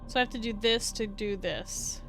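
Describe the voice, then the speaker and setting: Streaming a game at home, this VTuber talks in a soft, small, medium-pitched voice at normal speed, with faint music behind and poor audio quality. Her desk mic sits right by her face as she rambles, packs in "like" constantly, and curses casually.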